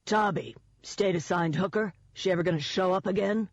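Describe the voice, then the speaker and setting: A woman voicing a huge, gruff male bar bouncer who asks blunt questions. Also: lowish voice, moderate pace, dry recording, voice pushed up, natural voice. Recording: dull, dry audiobook recording.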